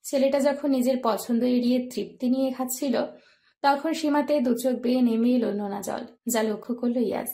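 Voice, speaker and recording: Soft-voiced woman narrating a romance. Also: on the high side, fairly even intonation, normal speed. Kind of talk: scripted narration of a romance story.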